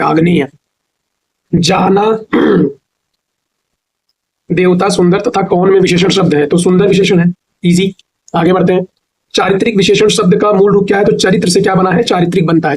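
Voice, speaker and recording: A male teacher with a North Indian Hindi accent giving an exam-prep grammar lesson, asking questions and answering them himself, slowly spelling words out syllable by syllable. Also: sits high, gravelly, darkish tone, breathy edge, low-quality recording. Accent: Hindi-speaking North India.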